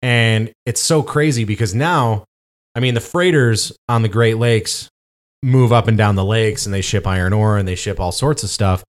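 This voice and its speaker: This podcast co-host speaks at a moderate pace in a voice on the low side. He tells a rambling travel story in casual chat, with plenty of fillers.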